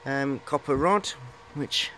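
This man, in his forties, has a medium-pitched, bright and forceful voice and takes his time, though the audio quality is poor. Showing high-voltage equipment as a hobbyist, he rambles in a friendly, hesitant, casual way. The cluttered indoor workshop is recorded by a handheld camera at arm's length, with clear background noise.

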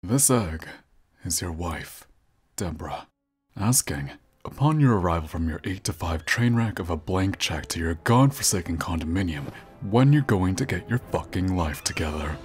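Man playing a haughty young woman, deadpan, foul-mouthed, low voice, music behind. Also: moderate pace, breathy edge. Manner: deadpan ranting, crude swearing. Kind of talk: comedic anime fan dub.

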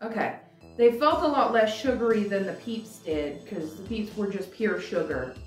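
A woman's voice: medium pitch, normal speed. A woman in her twenties chatting casually to camera as a vlog host, rambling and hesitant, with lots of filler "like". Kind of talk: casual chat to camera, candy taste test. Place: decorated room indoors. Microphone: camera a few feet away. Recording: roomy, distant mic, music behind.

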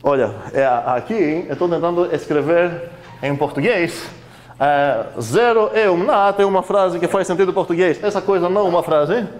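A man's voice: sits high, steady tone, a little fast, darkish tone. A man lecturing a university class in a conversational way, questioning the students often, with many fillers.

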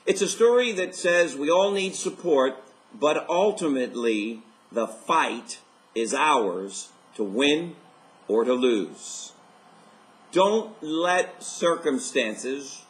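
Speaking slowly with lively intonation in a voice on the high side, a man in his fifties delivers an enthusiastic motivational message. He's a life coach addressing the camera directly from his living room.

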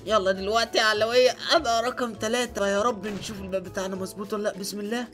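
A young man with an Egyptian Arabic accent hosting an excited let's-play commentary, dropping English exclamations as he plays. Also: sits high, rapid-fire. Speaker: gaming channel host. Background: faint background music.

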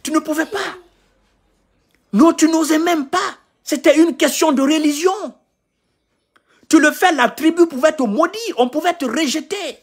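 A man's very high-pitched voice comes through a little slowly, broken by long pauses. He's a political commentator from Guinea in his thirties, filming himself live on a phone at arm's length from a sofa in a small room as he angrily lectures and repeats himself.

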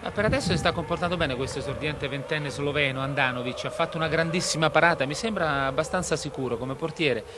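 A man's voice: on the high side, fast, hardly any pauses. Italian football pundit, man, over stadium noise. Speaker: co-commentator, match analyst. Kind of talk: unscripted tactical football analysis. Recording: constant stadium noise behind voice. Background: stadium ambience.

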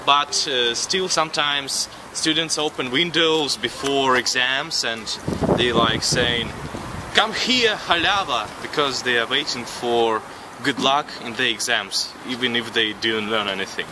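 A young man with a Russian accent giving a halting, filler-heavy walking tour outdoors on a camera mic. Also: medium pitch. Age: young adult. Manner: halting, lots of fillers and restarts. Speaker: vlog host and city guide. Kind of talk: casual walking tour talk. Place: outdoors on a city campus street. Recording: loud wind noise on camera mic.

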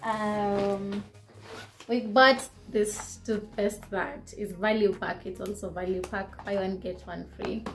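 In her living room, a Kenyan-accented woman in her twenties vlogs about her shopping haul, holding each item up to the camera and chatting casually while code-switching. Her medium-pitched voice is fairly even and slow, with faint music behind.

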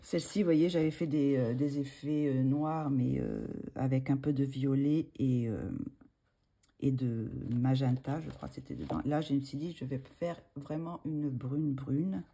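An animated woman with a bass voice, dark in tone and breathy at the edges, speaks at a measured pace. She hosts a coloring tutorial, chatting casually and hesitantly while drawing, with many fillers, restarts and murmured asides, and a slight frog in her throat.

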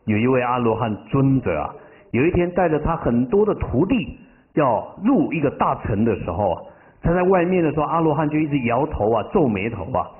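Animated male preacher, tinny sound. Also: medium pitch. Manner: drawn-out emotional phrase endings. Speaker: Buddhist master. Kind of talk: sermon with storytelling.

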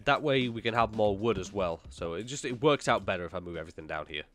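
A young man, slightly nasal from a cold, speaks fast with lively intonation in a fairly low voice. He's a gaming YouTuber casually commentating gameplay, chatty and jumpy, talking to himself and to the game.

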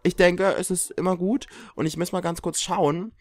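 A man giving joking, excitable gameplay commentary as a let's play YouTuber, talking straight to his viewers. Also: high voice, normal speed.

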